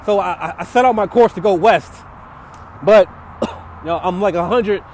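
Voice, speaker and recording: A man speaks casually to his listeners from a busy city street, raising his voice over wind and traffic. His delivery is halting, with words and phrases often doubled as he reflects. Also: high-pitched, a little mellow. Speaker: podcaster sharing personal faith encouragement. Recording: noisy outdoor audio with wind and traffic.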